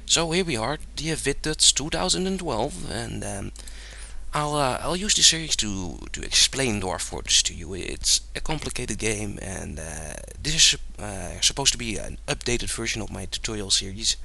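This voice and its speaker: Narrating a game tutorial over his screen, a young man from the Netherlands speaks with a Dutch accent in a voice that is on the low side and gravelly. He talks at normal speed, rambling casually with plenty of fillers and little laughs.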